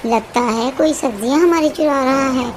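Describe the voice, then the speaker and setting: A kind cartoon sparrow mother, voiced by a woman, high-pitched, gentle and caring. The recording has a noisy hiss behind it. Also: close to an everyday voice.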